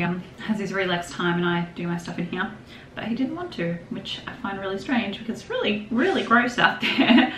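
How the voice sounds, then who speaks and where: Chatting casually on camera, a young Australian woman vlogs a shopping haul from her home craft room, rambling a little and laughing often. Her voice is mid-range with a fairly bright tone. The recording has an echoey room sound and background noise.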